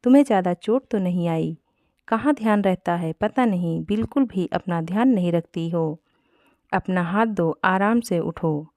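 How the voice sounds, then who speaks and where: A woman voicing a caring husband in a Hindi storybook reading, gently scolding with concern. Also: lowish voice, moderate pace, dry recording, studio quality, close to an everyday voice. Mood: worried. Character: caring husband, older brother.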